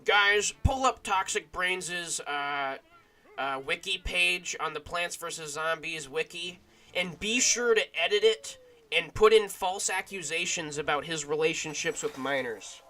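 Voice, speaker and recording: Bright goofy gaming streamer, man. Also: a little high, a little slow. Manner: goofy, rambling, bursts of shouting. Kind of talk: casual gaming commentary.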